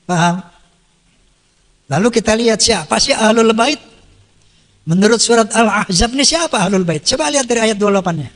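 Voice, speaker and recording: High-voiced preacher in a reverberant hall. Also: male voice, animated, fairly quick, long pauses, a bit bright. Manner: asks rhetorical questions and answers them himself; recites Arabic verses, then explains them in Indonesian. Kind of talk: sermon.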